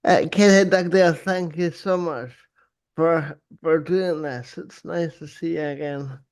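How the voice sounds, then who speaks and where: High-pitched, creaky older man. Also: fairly even intonation, faint music behind. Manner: halting, hesitant, repeats words. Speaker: podcast host. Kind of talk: casual, conversational interview. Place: small home room, video call. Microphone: close desk microphone on arm.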